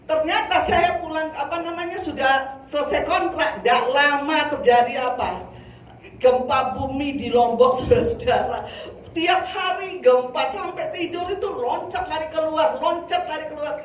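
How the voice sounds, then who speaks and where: An older woman evangelist from Indonesia giving a lively sermon testimony, often turning to the congregation. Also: high-pitched, moderate pace. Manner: lively storytelling, addresses congregation as saudara. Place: church hall. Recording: echoey hall from far off, faint noise.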